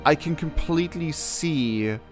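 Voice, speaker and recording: A man streaming a game, reading quest text aloud and reacting casually, with excitable exclamations and hesitant, self-correcting commentary. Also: on the high side, a little slow. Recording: music behind the voice. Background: game music.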